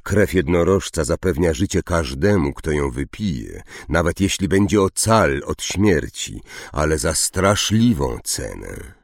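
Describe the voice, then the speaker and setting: A male narrator voicing a noble young centaur, speaking slowly and solemnly in an audiobook. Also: rumbling low, expressive, creaky, no echo, studio quality, heavily acted. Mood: grave. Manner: slow, solemn, measured.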